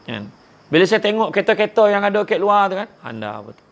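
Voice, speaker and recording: A man with a Malaysian Malay accent gives a humorous religious talk at a family gathering, joking with and teasing the people around him. His voice sits high and creaky, he talks fast and very animatedly, and the recording is muffled.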